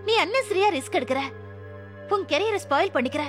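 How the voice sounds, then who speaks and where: An anxious, protective woman in a television serial who pleads and worries. Her voice is very high. Clear music runs beneath her. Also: animated, fairly quick. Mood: worried. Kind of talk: 1990s television serial acting. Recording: music underneath.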